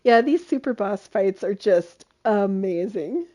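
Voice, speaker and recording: A woman's voice: medium pitch, expressive, unhurried, warm tone, poor audio. A woman streaming a video game, chatting with her audience and laughing often in delight. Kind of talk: live game commentary.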